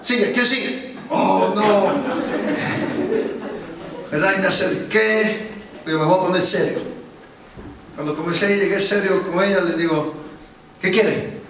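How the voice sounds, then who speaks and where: A man's voice: high-pitched, normal speed, fairly bright tone. A man preaching a sermon as pastor, telling a story and repeating words for emphasis. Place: church hall. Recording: echoey church hall, distant mic.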